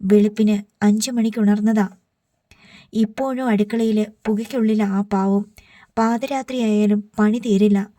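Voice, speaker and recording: A woman's voice: medium pitch, fairly even intonation, measured pace, no room sound, natural voice. A woman reading the lines of an angry middle-aged father who scolds his daughter. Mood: stern. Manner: scolding, forceful.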